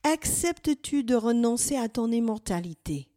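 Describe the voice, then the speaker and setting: A huge hairy spider with pointed fangs fires off quick, searching questions, as a woman puts her on. She sounds menacing and demanding, pitched a little higher than the narrator's own voice. It comes from a storybook journey told aloud. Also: lively intonation, dark tone, natural voice. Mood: challenging. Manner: testing, questioning. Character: big hairy female spider, fanged and menacing.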